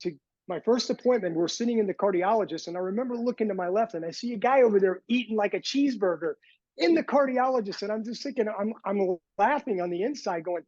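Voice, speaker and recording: A man with a notably high voice talks through his story in a relaxed, lighthearted way, with a quirky streak in his humor. He sounds middle-aged. The sound is dry and muffled, as if recorded on a lo-fi line. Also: fast talker, no room sound. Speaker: podcast guest, former bodybuilder. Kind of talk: casual storytelling interview. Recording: dull lo-fi sound.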